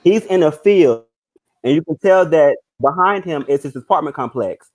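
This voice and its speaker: A man in a casual group discussion, retelling something earnestly and haltingly, often restarting. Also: fairly high pitch, expressive, a little mellow, low-quality recording.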